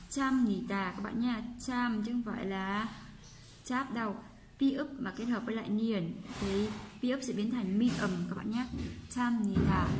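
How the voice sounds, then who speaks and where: Here a woman explains exercises from a Korean textbook in a Vietnamese accent, patiently going over each example sentence again at a slow pace. She speaks at a medium pitch over slight background noise.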